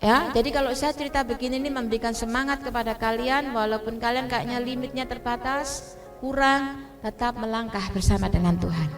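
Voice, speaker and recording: A woman's voice: a little high, steady tone, a little fast, faint music behind. A woman from Indonesia preaching a testimony sermon in church, switching between Indonesian and English and translating herself, often asking her listeners if they understand. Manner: addresses listeners directly, checks they understand.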